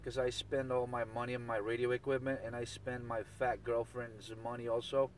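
A CB radio operator keeps repeating his catchphrases in casual, slangy banter, his mid-range voice level and moderately paced. The transmission comes from far off, mixed with crowd noise and the sound of vehicles outdoors.

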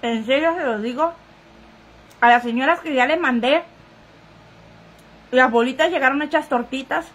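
A woman's voice: sits high, normal speed, pauses often, fairly bright tone, slightly rough. A woman hosting a casual gossip live stream, chatting straight to viewers, thanking commenters and sniffling now and then. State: sniffly, runny nose.

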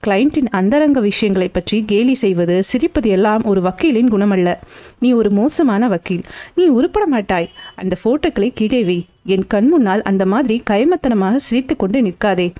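Woman doing a short-tempered male lawyer, mellow tone, scolding. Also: medium pitch, lively intonation, normal speed, lightly acted. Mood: irritated. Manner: scolding, impatient. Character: irritable sharp-witted male lawyer boss. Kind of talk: audiobook character voice.

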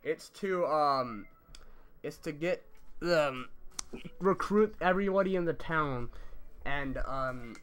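A man's voice: a little high, animated, takes it slowly, long pauses, fairly bright tone, clear, resonant tone. A man streaming a video game and chatting casually, rambling and losing his train of thought as he plays. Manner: rambling, scattered, trails off mid-sentence; swearing, laughing it off. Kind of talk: casual chat while gaming.

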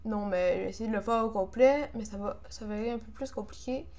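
A young woman with a Quebec French accent, a gamer and video creator, grumbles and swears in frustration while giving casual commentary on her play. She speaks fairly quickly, at a medium pitch, with a darkish tone.

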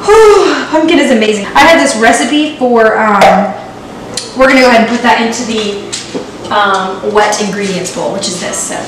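A woman's voice: on the high side, expressive, normal speed. A young woman hosting a casual baking video in her home kitchen, joking and chatting in a bubbly, playful way, recorded by a camera set back from her. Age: young adult. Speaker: vlogger. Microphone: far camera. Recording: echoey kitchen with noise.

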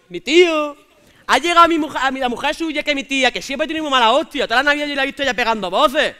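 A woman playing a cocky young Andalusian man from Jaén who heckles loudly from the audience, calling out to the teacher. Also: sits high. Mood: aggrieved. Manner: brash, indignant, keeps calling out "maestra". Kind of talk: stand-up character sketch on stage.

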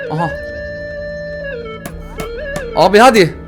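A man giving excitable, slangy let's-play commentary while playing a game, often frustrated. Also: high voice, slow, loud music behind the voice. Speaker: gaming YouTuber.

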